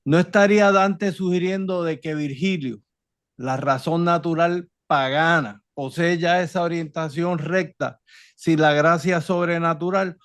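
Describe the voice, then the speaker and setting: A man's voice: on the high side, measured pace, a bit bright, clean tone, no echo, clean studio sound. A man on a video call who asks a long, careful question in a seminar, hesitating often and adding tag questions. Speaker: student asking a question.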